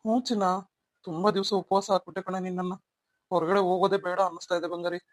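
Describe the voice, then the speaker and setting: A woman's voice: fairly low pitch, flat delivery, fast, dry recording, lightly acted. A woman voicing a young man in a cartoon, a devoted husband who talks in a tender, apologetic, coaxing way. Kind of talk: cartoon voice acting.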